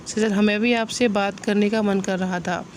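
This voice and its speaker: A woman's voice: medium pitch, steady tone, moderate pace, a little hiss or hum, natural voice. A woman voicing a shy, hesitant young bride-to-be in a storybook reading. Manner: hesitant, soft-spoken.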